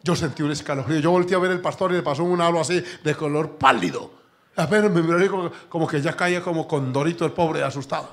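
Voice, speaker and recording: Colombian male pastor, middle-aged, slightly high voice, animated storytelling sermon. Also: fast. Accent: Colombian Spanish. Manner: animated storytelling with emphatic outbursts. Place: church.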